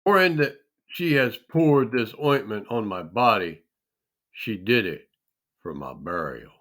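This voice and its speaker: A man reads scripture in a solemn, deliberate, very unhurried way. His fairly low voice is expressive, bright and forceful, carrying dramatic weight.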